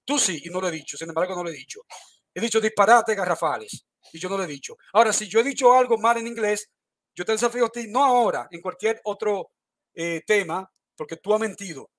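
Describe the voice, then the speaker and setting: A man's voice: high voice, fairly quick, a bit bright. A man in a heated online debate, accusing his opponent over and over and laying down challenges.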